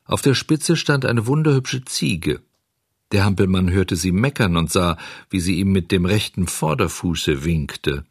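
Low-voiced guy reading a kids' story, expressive, dry close sound. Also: slightly rough, dry recording. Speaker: narrator. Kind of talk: audiobook narration of a children's tale.

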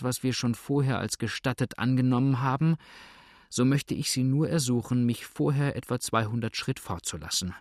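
A man voicing a calm, shrewd innkeeper who speaks in a dry, matter-of-fact way. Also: medium pitch, dry recording, close to an everyday voice. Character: calm, shrewd male innkeeper, dryly indifferent.

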